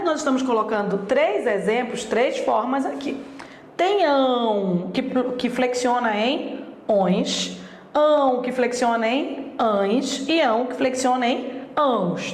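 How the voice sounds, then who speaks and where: A woman teaches grammar at a slow, deliberate pace, stretching out each example word. Her voice sits fairly high. The recording has a roomy echo. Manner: speeds up for asides and exam tips.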